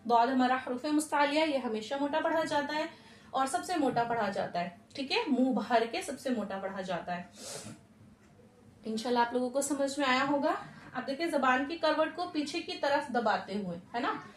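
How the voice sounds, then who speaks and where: High-voiced woman teaching pronunciation. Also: expressive, a little hiss or hum. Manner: patient, repeats sounds slowly, often checks "theek hai?". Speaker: Quran recitation teacher. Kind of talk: step-by-step pronunciation lesson. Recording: echoey room.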